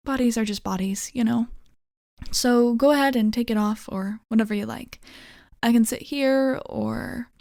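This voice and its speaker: A woman playing a flirty, reassuring tattoo artist in a soft, casual ASMR role-play, slightly bashful and gently teasing. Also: on the high side, fairly even intonation, moderate pace, creaky, no echo, studio quality. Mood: soothing, reassuring.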